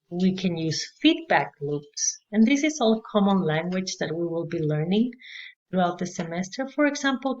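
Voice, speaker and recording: Woman lecturing, lo-fi recording. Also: lowish voice. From Chile. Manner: conversational, warm, with frequent "you know" and light laughs. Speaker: early childhood education instructor.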